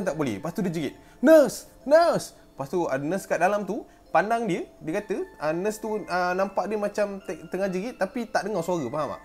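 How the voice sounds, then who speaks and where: Malaysian man telling a ghost story. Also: fairly high pitch. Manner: animated, acts out sounds and voices. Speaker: storyteller host.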